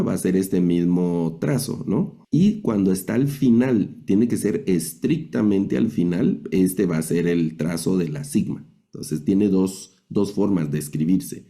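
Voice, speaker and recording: Man, low gravelly voice, very dark tone, methodical Greek teacher. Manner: slow, methodical, repeats key words. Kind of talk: classroom lesson on Greek letters.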